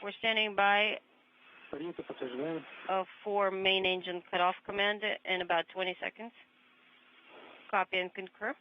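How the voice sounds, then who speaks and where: A woman's voice: mid-range voice, little pitch movement, a little slow, pauses often. A woman at mission control reading out clipped procedural callouts with hesitant fillers, heard over a crackly space-to-ground radio loop. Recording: muffled lo-fi radio with faint hiss.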